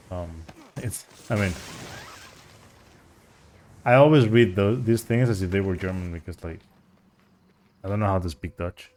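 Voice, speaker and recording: A man with a voice on the low side streams a speedrun, giving casual, rambling commentary. He's chatty, restarts often and says "like" a lot. There's a little hiss or hum.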